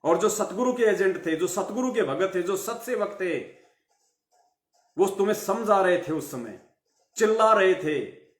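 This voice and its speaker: This fiery devotional sermon comes from a man speaking live, his voice high for a male and lightly tinged, with lively intonation. He berates the audience with rhetorical questions and emphatic repetition, unhurried and pausing often, amid a roomy echo.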